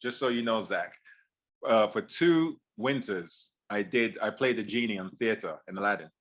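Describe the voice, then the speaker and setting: A man, an actor guest, chatting casually about his path into acting, laughing often and pausing with fillers. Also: lowish voice, lively intonation, fairly bright tone. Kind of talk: casual chat.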